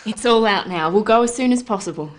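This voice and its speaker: Woman playing a kind young wife and mom, soft and supportive, faint hiss behind, learner drama. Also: mid-range voice, fast, lightly acted.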